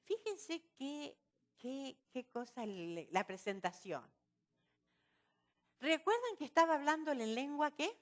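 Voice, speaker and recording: A woman preaching a sermon at a women's retreat, lively and often asking her listeners rhetorical questions. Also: high voice, unhurried. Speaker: retreat speaker.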